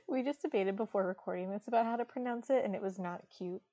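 A chatty woman co-hosting a travel podcast, talking casually and breaking into giggles. Her voice is mellow and warm, recorded dry and close. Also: fairly high pitch, sing-song, fairly quick, dry recording, lo-fi sound. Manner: chatty, giggly, lots of fillers. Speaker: podcast co-host.

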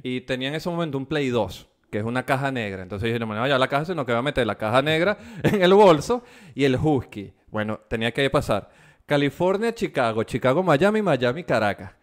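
A man's voice: mid-range voice, a little fast. A man with a Venezuelan accent, chatting casually as a podcast co-host, telling stories with acted-out voices and frequent laughter. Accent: Venezuelan Spanish. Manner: animated storyteller, acts out voices and laughs often. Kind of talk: casual chat.

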